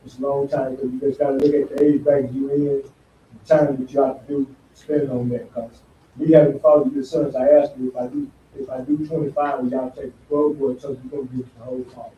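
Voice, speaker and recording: A man in his fifties giving a plain, halting testimony to a recovery group, pausing often. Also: medium pitch, flat delivery, reverberant, distant mic, lo-fi sound, a little hiss or hum. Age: 50s. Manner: plain, halting, repeats himself with many "uh"s. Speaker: recovery house resident. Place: recovery house meeting room.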